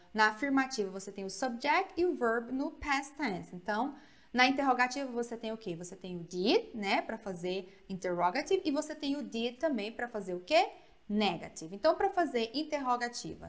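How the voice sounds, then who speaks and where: A woman's voice: on the high side, a bit bright. Brazilian woman teaching English grammar. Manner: explains with frequent "né?" and "tá?" check-ins, repeats examples slowly. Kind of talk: video lesson explaining grammar.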